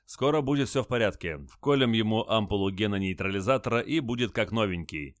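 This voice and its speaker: Guy doing a firm starship captain, lowish voice, dry close sound. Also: brisk, no echo, natural voice. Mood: commanding. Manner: firm, commanding. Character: stern starship captain, male adult, commanding.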